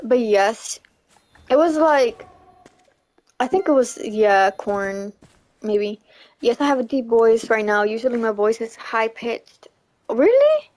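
Here a young streamer talks casually with viewers as she plays and reads chat, laughing frequently and leaning on the phrase "you know what I'm saying." Her somewhat high voice swings widely in pitch, moving slowly with a darkish tone and long pauses.

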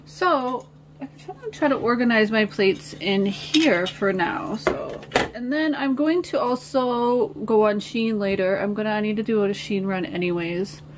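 A woman with a mid-range voice talks at a measured pace while organizing her home nail studio, sitting on the floor. She rambles casually to her viewers, calling them "guys," over a noisy background.

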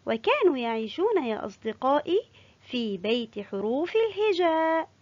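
A woman teaching a kindergarten class, slow, sing-song and encouraging. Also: high-pitched, sing-song, muffled recording. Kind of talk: teaching young children.

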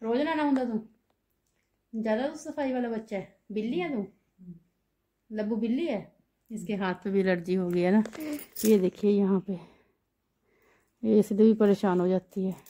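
A woman talking softly to her children and the camera at home late at night, recorded on a phone. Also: mid-range voice, moderate pace, pauses often. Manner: soft, coaxing talk to children at night. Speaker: vlogger, mother. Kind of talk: casual home vlog.

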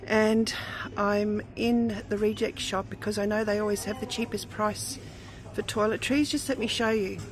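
A woman's voice: mid-range voice, steady tone, normal speed, crowd noise. A middle-aged Australian woman vlogging her grocery haul, chatty and thrifty, listing items with frequent ums, filmed on a handheld phone. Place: discount shop aisle, then at home over groceries.

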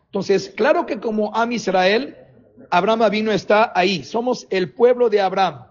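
Rabbi giving a sermon, high voice, dull lo-fi sound, keeps throwing questions at you. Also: male voice. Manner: animated, asks rapid rhetorical questions. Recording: dull lo-fi recording.

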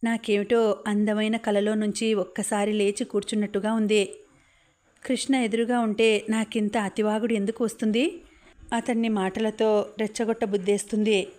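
A woman narrating a first-person novel as an audiobook, in a steady, even reading. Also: mid-range voice, moderate pace.

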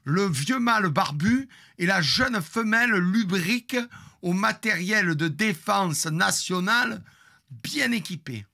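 A man's voice: high-pitched, creaky, sharp tone. Theatrical fifty-something man telling a story. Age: 50s. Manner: theatrical, crude, jokey asides to chat. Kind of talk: casual storytelling.

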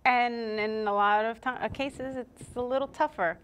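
A woman in her thirties who grew up in Puerto Rico is a guest singer in a casual TV studio interview, telling stories in a chatty, animated way with laughs. Her voice is on the high side and smooth, at a moderate pace. She wears a lapel mic on the indoor set, though the audio quality is poor.

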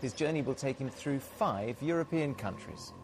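A man reading the regional news as studio presenter in a measured delivery. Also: mid-range voice, lively intonation, vocal fry, a little hiss or hum.

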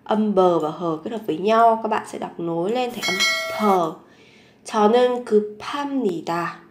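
A woman teaching a language lesson. She says each phrase several times, slowly and clearly, and then explains it. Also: mid-range voice, roomy sound, noisy background.

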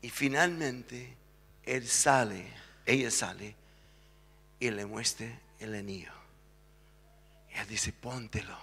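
A man's voice: mid-range voice, takes it slowly, vocal fry, long pauses, slightly rough, in a large hall. A male pastor telling a story in a church sermon, acting out the voices as he goes. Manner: lively storytelling, acts out the voices. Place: church sanctuary.

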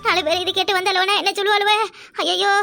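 A woman doing a shrill wailing village mother-in-law. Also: fairly even intonation, quick pace, vocal fry, bright, forceful tone, full character voice. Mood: wailing worried. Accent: Tirunelveli Tamil. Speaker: voice actor for a family cartoon. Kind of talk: Tamil village family drama cartoon voicing.

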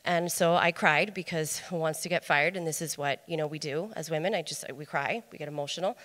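A woman speaker telling a personal story on a conference stage, lively and acting out the dialogue. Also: sits low, fairly quick. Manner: animated storyteller, acts out dialogue. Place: large hotel conference hall. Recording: echoey conference hall.

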